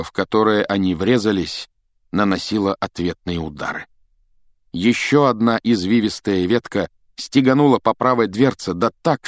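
A man reading an audiobook aloud with expressive, dramatic storytelling on a close mic. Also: fairly low pitch, dry recording. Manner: dramatic storytelling, voices characters. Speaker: audiobook narrator.

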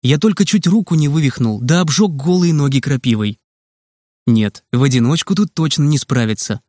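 Живой выразительный мужчина-рассказчик. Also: male voice, fairly high pitch, moderate pace, no room sound, studio quality. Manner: lively, expressive reading of a children's story. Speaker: narrator. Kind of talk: audiobook narration.

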